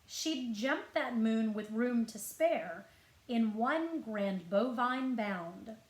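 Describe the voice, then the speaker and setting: A school librarian reads a picture book aloud to children in a fairly high, lively voice, taking her time and giving each line deliberate, expressive phrasing. The room adds a noticeable, roomy echo.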